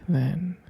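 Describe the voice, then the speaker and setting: A man plays a gentle, reassuring young vampire boyfriend in an intimate ASMR roleplay meant to help with sleep. He murmurs tenderly and hesitantly in a breathy, husky whisper, with a tender, affectionate mood.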